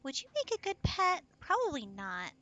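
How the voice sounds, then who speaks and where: A woman streaming a video game, chatting casually and playfully with a co-host, with excited gasps. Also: high-pitched, normal speed. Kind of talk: casual gaming stream chat.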